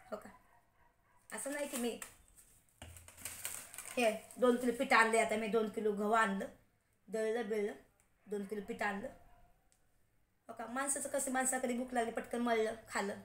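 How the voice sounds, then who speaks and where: A woman in a casual personal vlog, rambling emotionally and talking straight to her viewers. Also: fairly high pitch. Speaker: vlogger. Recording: roomy echo, faint background noise.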